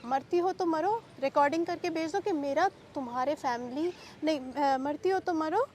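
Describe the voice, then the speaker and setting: A woman being interviewed, recounting a painful personal ordeal in agitated speech, mixing English into Hindi and asking sharp rhetorical questions. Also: high voice, moderate pace, slight background noise. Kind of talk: emotional personal account.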